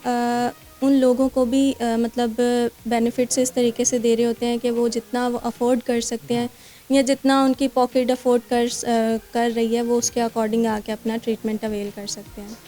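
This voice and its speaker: A woman's voice: on the high side, little pitch movement, normal speed, mellow. A woman with a Pakistani Urdu accent, a clinic doctor answering interview questions, explaining at length with fillers and English medical terms. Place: skin clinic.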